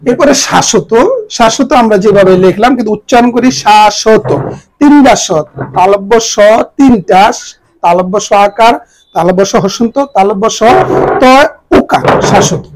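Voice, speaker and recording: A man teaching a grammar lesson to students, spelling out the pronunciation of words slowly, letter by letter. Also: high voice, darkish tone, poor audio. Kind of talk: exam-prep grammar lesson.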